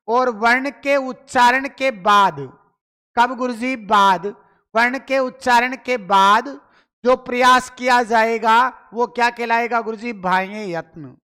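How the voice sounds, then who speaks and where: A man's voice: extremely high pitch, bright, forceful tone, clean tone. A male teacher giving a live online grammar lesson, asking questions and answering them himself, and urging viewers to reply in chat.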